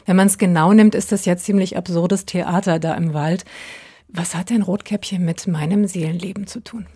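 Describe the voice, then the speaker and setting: A woman's voice: lowish voice, fairly even intonation, moderate pace, warm tone, slightly rough, dry recording, studio quality. A woman presenting and interviewing as a public radio host, in a polished, articulate manner.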